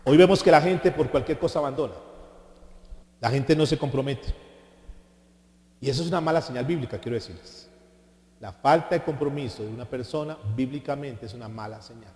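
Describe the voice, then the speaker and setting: A pastor delivering a sermon, animated, asking his congregation questions and mimicking people. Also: medium pitch, fairly quick, long pauses. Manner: animated preaching with rhetorical questions and mocking impressions. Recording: echoey hall.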